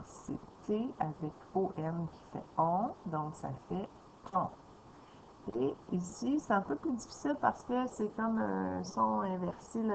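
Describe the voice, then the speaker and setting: Teacher lady reading with little kids, slow and patient, slightly muffled recording. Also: on the low side, creaky, slight background noise. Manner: slow and patient, sounding out syllables. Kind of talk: reading lesson for young children.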